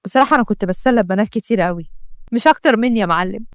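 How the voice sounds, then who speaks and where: A woman's voice: mid-range voice, racing, no room sound, clean studio sound, pitched below the performer's own voice, natural voice. A woman voicing an arrogant young male cheat with an Egyptian accent, sneering and dismissive. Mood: boastful. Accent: Egyptian Arabic.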